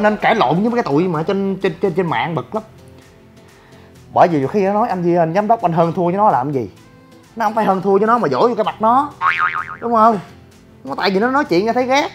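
Brash man ranting. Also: high voice. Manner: brash, blunt, lively and rambling. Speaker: gym owner and online personality. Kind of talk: casual livestream monologue.

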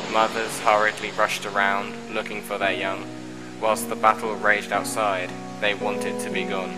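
A young man reciting his own spoken-word epic in a measured, rhythmic way, with a recurring refrain. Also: lowish voice. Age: young adult. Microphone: close mic, audio overdubbed. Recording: voice over loud backing music. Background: loud music bed.

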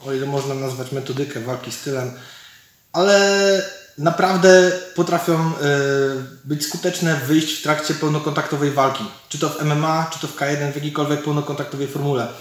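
In a big indoor gym with a fighting cage, a man in his thirties coaches martial arts at a normal speed, his voice on the high side with fairly even intonation. He explains each move while showing it, recorded from several metres off on a camera mic, leaving the audio distant, echoing heavily and noisy.

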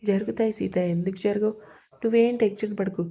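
A woman's voice: mid-range voice, steady tone, fairly quick, husky, lo-fi sound. Woman doing a jovial joking father. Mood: reassuring. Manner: jovial, affectionate. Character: warm, joking middle-aged film-director father.

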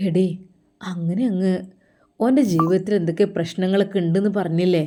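Woman voicing a blunt, loud father. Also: on the low side, steady tone, fairly quick, a little hiss or hum, lightly acted. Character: blunt practical father of the house.

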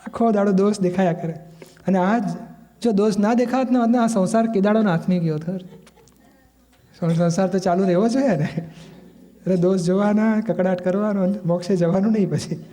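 A Gujarati-accented man gives a spiritual discourse in an easy, conversational way. His voice sits fairly high for a man but sounds warm and mellow. Now and then he acts out family quarrels in quoted voices. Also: fairly even intonation, moderate pace. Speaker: spiritual teacher.

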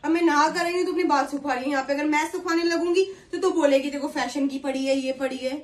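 A woman's voice: high-pitched, steady tone, fast. A woman at home defending herself and talking back during a family argument. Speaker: vlog family member. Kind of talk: heated family bickering. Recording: echoey room.

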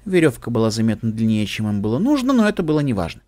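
A man reading an audiobook aloud in an expressive storytelling manner. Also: mid-range voice, rapid-fire. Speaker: audiobook reader. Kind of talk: audiobook narration.

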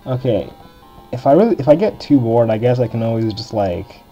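A deep-voiced young man hosts a casual let's-play walkthrough, rambling chattily over gameplay with plenty of filler. His delivery is brisk and dark-toned, with big pitch swings. The lo-fi game recording sounds dull, with faint game music behind him.

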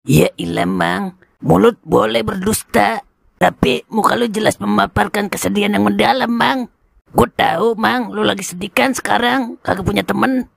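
A cheeky kid with a strongly gravelly, crackly voice, put on by a voice actor for a cartoon drama. Dry close recording. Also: mid-range voice, fairly even intonation, moderate pace, dry recording. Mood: mocking. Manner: cheeky, mocking. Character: cheeky young boy teasing an older man.

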